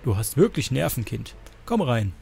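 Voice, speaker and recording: A man's voice: mid-range voice, sing-song, normal speed, vocal fry, a little mellow, faint music behind. A man voicing a stern, protective old woman elder from a game, reading her lines in a lecturing, firm tone.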